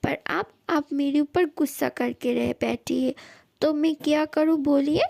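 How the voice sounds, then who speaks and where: A woman's voice: sits high, fairly even intonation, unhurried, vocal fry, a little mellow, no echo. A woman voicing a devoted young adult son in a fan dub drama, pleading and repeating words for emphasis. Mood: coaxing.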